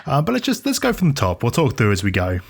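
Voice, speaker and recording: A man's voice: mid-range voice, huge pitch swings, quick pace, creaky, husky. A man co-hosting a podcast, casually recapping wrestling matches in detail with many fillers and restarts. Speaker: podcast co-host. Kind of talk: casual wrestling review chat.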